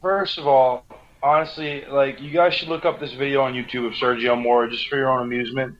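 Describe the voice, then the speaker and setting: A man's voice: medium pitch, steady tone, brisk. Man chatting about sports on dull audio. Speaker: boxing show co-commentator. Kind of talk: casual sports chat.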